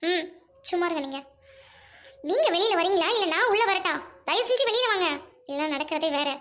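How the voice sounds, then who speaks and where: A woman's voice: extremely high pitch, animated, a little fast, a bit bright. A woman playing a defiant young married woman who fiercely accuses her uncle in an amateur drama skit.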